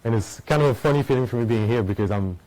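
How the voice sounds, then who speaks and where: A Belgian man gives a casual technical talk to a conference room, speaking fast in a mid-range, slightly mellow voice. He explains things loosely, dropping frequent "uh" fillers and asking "right?" between points. The low-quality recording comes from a small mic.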